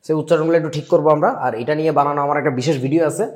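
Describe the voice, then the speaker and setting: A man's voice: on the high side, fairly even intonation, rapid-fire, a little mellow. A young man teaching chemistry, blunt and scolding, mixing in English words and quizzing his students. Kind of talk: online class lecture.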